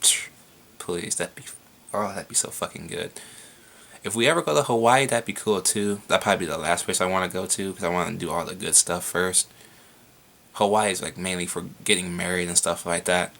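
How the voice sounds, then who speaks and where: A man's voice: low voice, brisk, creaky, a bit bright. A young man answering viewer questions in a casual vlog, rambling with frequent swearing and laughs.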